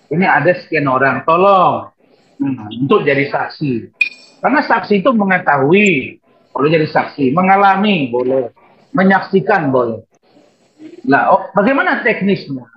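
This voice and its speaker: A man speaking as a lawyer at a press conference, emphatic and repetitive. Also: a little high. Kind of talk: press statement and Q&A. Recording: dull lo-fi sound.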